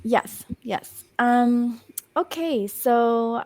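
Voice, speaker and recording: A young Australian woman gives a one-on-one English lesson over a video call, patient and encouraging. She slows down and rephrases often, with many um fillers. Her voice is a little high, and the background is noisy.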